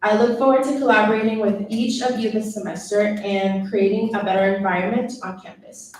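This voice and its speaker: A woman's voice: medium pitch, fairly even intonation, a little fast, a little mellow. A woman in her twenties from Puerto Rico, giving an earnest prepared speech as a student government officer. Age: 20s. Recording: echoey hall, far mic.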